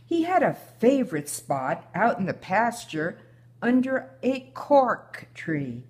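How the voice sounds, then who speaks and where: A woman's voice: on the high side, very animated, slow pace, a little mellow. An older woman reading a children's picture book aloud as a guest storyteller.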